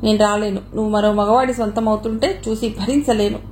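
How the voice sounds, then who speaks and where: A woman's voice: mid-range voice, steady tone, brisk, a little mellow, a little hiss or hum, lightly acted, poor audio. A woman reading the part of a heartbroken young man who pleads and reproaches in an audio novel. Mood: anguished.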